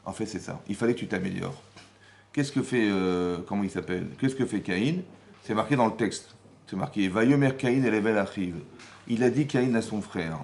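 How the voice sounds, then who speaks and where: A man's voice: lowish voice, normal speed, creaky, a little mellow. A man teaching a Torah class as rabbi, his voice climbing and dropping as he acts out the dialogue he explains. He keeps turning to his listeners with rhetorical questions. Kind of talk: lively Torah lesson. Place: Paris community hall.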